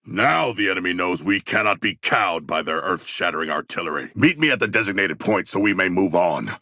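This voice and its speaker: An actor playing a proud, earnest shark demigod in a video game, speaking in formal, stately, grandiose phrases. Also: male voice, sits low, expressive, a little fast, bright, forceful tone, no echo, studio quality, exaggerated voice. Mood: calm, earnest. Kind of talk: video game character voice lines.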